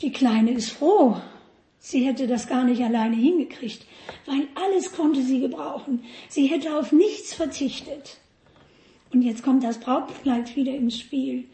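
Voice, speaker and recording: A woman's voice: high voice, unhurried, dark tone, roomy sound. A woman preaching a sermon, often asking the congregation questions.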